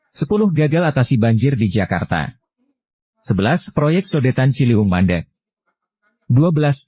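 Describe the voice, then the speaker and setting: A man's voice: medium pitch, warm tone, husky. A man reading out a numbered list in a narration style.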